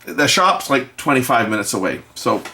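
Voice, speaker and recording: A man's voice: mid-range voice, big pitch swings, normal speed, pushed and bright. A middle-aged man rambles through a wry anecdote while repairing something, muttering asides about the work. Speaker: video maker and electronics tinkerer.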